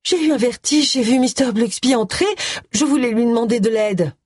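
A woman's voice: a little high, normal speed, a little mellow, breathy edge, no echo, clean studio sound, pitched above the performer's own voice. A woman voicing a nosy, headstrong middle-aged amateur detective with a brash manner. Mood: feigned weakness.

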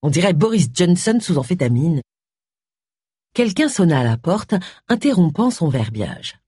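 An audiobook narrator reading a novel with an expressive, varied delivery. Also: medium pitch, moderate pace, husky, dry recording, clean studio sound.

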